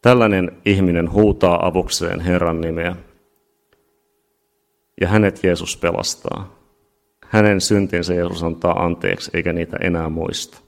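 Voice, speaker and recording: A man preaching a sermon, emphatic and building to shouts at key points. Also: sits low, steady tone, gravelly, pauses often. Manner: emphatic, rising to shouts at climaxes.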